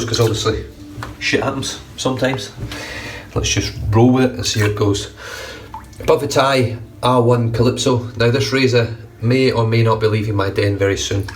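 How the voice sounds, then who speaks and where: Shaving on camera for his grooming vlog, a congested man in his thirties offers casual how-to commentary in a fairly low, nasal voice. His manner is easygoing and talkative, with casual swearing. A phone front camera at arm's length captures him from a distance in a small, bright bathroom at home, with slight background noise.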